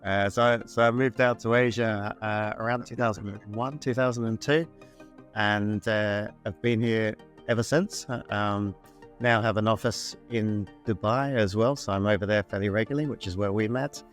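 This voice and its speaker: A low-pitched man in his forties tells his story in a relaxed, self-deprecating way, stumbling over restarts and fillers. Soft music plays faintly underneath him. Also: normal speed. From born in New Zealand, grew up in the UK. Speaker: guest entrepreneur. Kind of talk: conversational interview answer.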